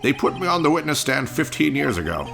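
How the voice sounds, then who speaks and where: A man's voice: a little high, very animated, quick pace, vocal fry, over music, pitched above the performer's own voice. A man voicing a grumpy old man, a bitter former bailiff confessing his crime in video game dialogue. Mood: bitter, confessional.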